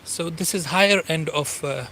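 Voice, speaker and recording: A man in his forties, not a native English speaker, walks beside a river and vlogs a casual, rambling commentary, often hunting for words. His voice sits on the high side with a pushed, bright tone at a normal speed. There is slight background noise in the outdoor recording.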